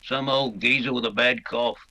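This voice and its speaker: A man's voice: medium pitch, steady tone, moderate pace, bright, forceful tone, rough recording. A man playing Lestrade, a plain-spoken, practical police detective in an old-time radio mystery. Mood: matter-of-fact. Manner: matter-of-fact, colloquial.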